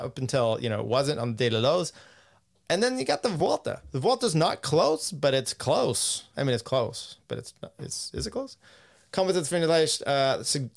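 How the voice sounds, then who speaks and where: A man hosting a podcast in casual chat, rambling, swearing and laughing as he reads out news quotes. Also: mid-range voice. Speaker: podcast host.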